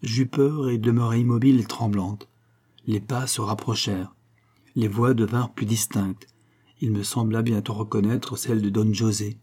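A man narrating a classic novel as an audiobook in a measured, steady storytelling manner. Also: lowish voice, slightly rough. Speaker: audiobook reader.

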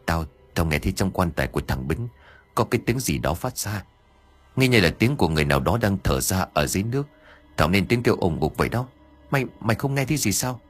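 A man's voice: sits low, sing-song, quick pace, slightly rough, soft background music, exaggerated voice. A man voicing a nervous young man who stammers and repeats words when scared. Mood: frightened. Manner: stammering, jittery.

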